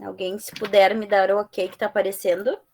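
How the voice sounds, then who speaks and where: A woman's voice: mid-range voice, little pitch movement, brisk. A woman teacher giving an online class lecture over a video call, often ending phrases with "tá?" and "né?" to check in with students. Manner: ends phrases with frequent "tá?" and "né?" checks.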